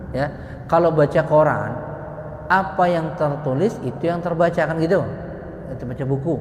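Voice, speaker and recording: A man, speaking in a slightly high voice, teaches recitation rules at an unhurried pace. His patient explanations, full of rhetorical questions, ring through a roomy prayer hall with a long tail of reverb and faint ambient noise behind him. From Indonesia. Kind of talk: tajwid lesson to a congregation. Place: prayer room.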